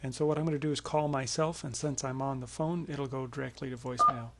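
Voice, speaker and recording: Talking fast, a man runs through a casual software screencast, explaining things informally. His voice is creaky and mid-range, with a steady tone.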